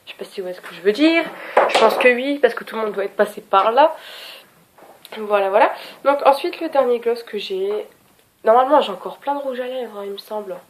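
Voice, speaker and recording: A woman's voice: on the high side, animated, brisk, slight background noise. A young French woman reviewing her lipsticks in a casual, chatty, scattered, self-mocking way. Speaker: beauty vlogger.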